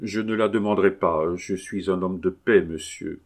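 A man voicing a calm, stern male priest who speaks firmly and solemnly. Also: low voice, moderate pace.

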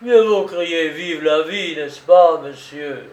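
A man's voice: on the high side, takes it slowly, a little mellow. A man reading aloud voices a friendly young cart driver who tells a story, speaking in a chatty, questioning way. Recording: roomy, distant mic, faint noise.

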